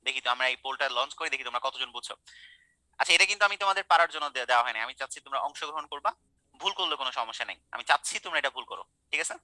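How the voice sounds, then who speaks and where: Bright, fast-talking male math tutor. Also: medium pitch, lively intonation, no echo, rough recording. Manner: colloquial, coaxing, quizzing students. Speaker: math teacher. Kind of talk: online class lecture.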